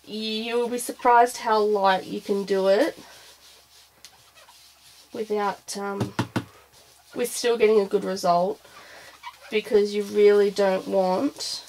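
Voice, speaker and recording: A woman's voice: medium pitch, fairly even intonation, slow, pauses often, a little mellow, poor audio. A woman presenting an informal craft demonstration, thinking aloud as she goes. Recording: clear background noise, clicks.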